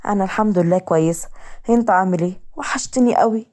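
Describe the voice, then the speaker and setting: A woman's voice: medium pitch, racing, a little mellow, close to an everyday voice. A woman voicing a young woman in a storybook tale, emotional and pleading, with an Egyptian accent. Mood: cheerful. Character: young woman, tearful and teasing. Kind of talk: storybook character reading.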